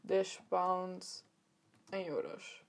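A woman's voice: lowish voice, very slow, vocal fry. A young woman with a European Portuguese accent, telling a story in a chatty, slangy monologue. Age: young adult. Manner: chatty, animated, full of slang and asides. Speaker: podcast host.

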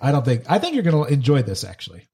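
A man's voice: medium pitch, wildly swooping pitch, very fast, background noise. A man co-hosting a casual podcast chat on a lavalier mic, joking and moving the show along. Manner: laughs often, jokey, leads segments. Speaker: podcast co-host.

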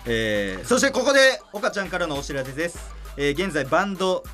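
A man with a Kansai accent hosting a casual comedic radio chat, bantering and quick to laugh and retort. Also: on the high side, very animated, bright, forceful tone. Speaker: radio show host. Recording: music playing behind the voice.

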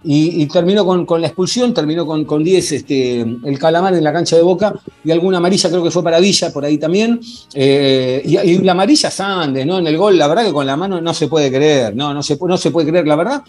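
A man with an Argentine accent hosting a football podcast in a conversational, halting way, often repeating himself. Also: fairly high pitch, a little mellow. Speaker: sports podcast host. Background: faint music.

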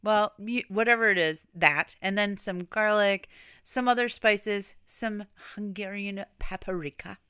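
Smooth-voiced, playful woman podcast co-host. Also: mid-range voice, unhurried, pushed and bright, no echo, studio quality. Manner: playful, teasing, laughs often. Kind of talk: casual chat.

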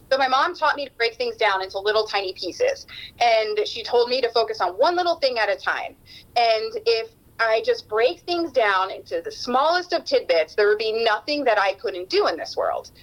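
A woman's voice: medium pitch, rough recording. A woman in her thirties telling a personal story in an earnest way, with frequent ums.

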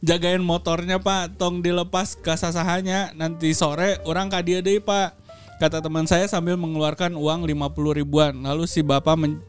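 A man's voice: on the high side, level tone, moderate pace, soft background music. A young man with a Sundanese accent, casually reading a listener's story on a podcast, laughing and mixing in local dialect.

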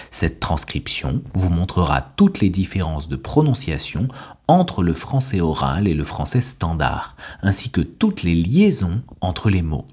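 A man hosting a podcast as a language teacher, giving a scripted lesson with clear, deliberate delivery. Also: low-pitched, a little mellow. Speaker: French teacher and podcast host.

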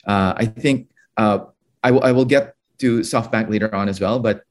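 Low-voiced man interviewing a guest. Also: moderate pace. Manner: fluent but hedging, many fillers. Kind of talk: interview questions.

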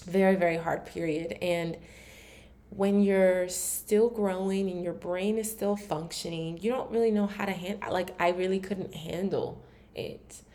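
A woman's voice: medium pitch, fairly even intonation, unhurried, mellow. A woman from Maryland hosting her own podcast, talking in a candid, reflective way with a lot of "like" fillers and restarts. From Maryland, USA. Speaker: podcast host. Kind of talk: casual solo podcast talk.

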